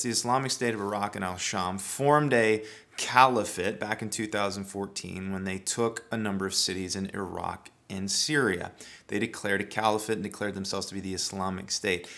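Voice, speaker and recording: Middle-aged American male Bible teacher, slightly low pitch, earnest emphatic monologue delivery. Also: creaky, fairly bright tone. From United States. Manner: earnest, emphatic, with frequent restarts.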